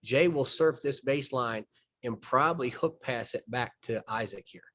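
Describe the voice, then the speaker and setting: A man coaching basketball, talking through game footage in a plain mid-range voice. He explains each play patiently and folksily, often pausing and restarting his sentences. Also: medium pitch, fairly bright tone. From southern United States. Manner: folksy, explains plays step by step, trails off and restarts. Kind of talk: film breakdown conversation.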